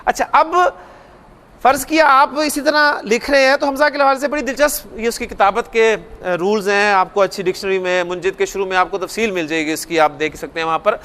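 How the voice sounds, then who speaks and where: High-voiced man teaching grammar. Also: steady tone, brisk, sharp tone. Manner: explains step by step, repeats key points, asks the class questions. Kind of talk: classroom grammar lecture. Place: classroom or studio lecture.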